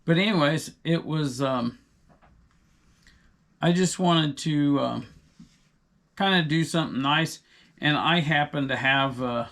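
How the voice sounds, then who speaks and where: A middle-aged man with a gravelly, slightly raised voice chats loosely on a podcast. He rambles through his stories, sidetracking himself before circling back to the point. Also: a little high, slow, long pauses, fairly bright tone. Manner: rambling, digressive storyteller. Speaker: podcast co-host. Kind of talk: casual chat.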